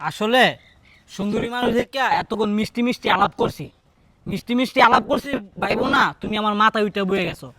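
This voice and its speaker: A man voices a greedy office manager in a short-film drama, speaking in a with sneering, threatening scorn. The voice sits high and bright and comes out quick. The sound is dry and close. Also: dry recording.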